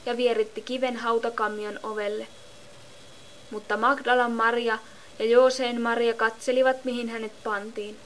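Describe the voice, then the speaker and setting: A woman reading a Bible passage aloud in a steady, measured way. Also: on the high side, a little hiss or hum. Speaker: scripture reader.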